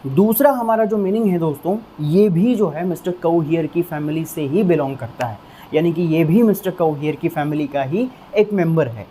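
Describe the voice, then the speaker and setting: A man gives an English vocabulary lesson in Hindi. His voice is soft and mellow. He explains things patiently and says key words again and again, slowly and clearly. A faint hiss sits under the recording. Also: a little high. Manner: explains patiently, drills words with slow repetitions. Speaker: English teacher.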